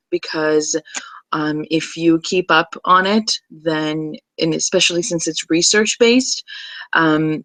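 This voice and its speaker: In a casual self-introduction video for a class, a Brazilian-born woman in her thirties chats along with lots of ums and restarts. She has a low-pitched, fairly bright voice; the recording is low quality, with no echo.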